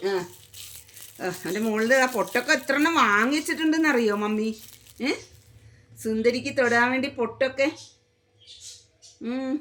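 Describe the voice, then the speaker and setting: A woman vlogger talking to her pet in coaxing, doting, sing-song baby talk. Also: fairly high pitch.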